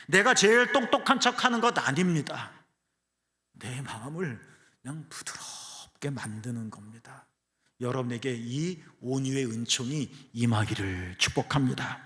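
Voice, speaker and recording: A male pastor delivers a sermon in a fairly high, bright voice. He moves between soft, hushed lines and raised, emphatic ones, and his voice carries a long church-hall reverb. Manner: earnest preaching, swings between hushed low phrases and raised emphatic ones. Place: church sanctuary.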